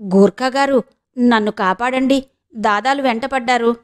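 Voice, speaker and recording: A woman voicing a stubborn, scheming young woman with a sharp, taunting way of talking. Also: fairly high pitch, moderate pace, clear, resonant tone, lightly acted. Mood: feigned fear.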